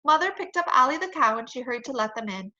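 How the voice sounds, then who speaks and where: A woman reads a children's chapter book aloud with playful, expressive storytelling. Her voice is high and bright. The recording is dull and lo-fi. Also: fast talker.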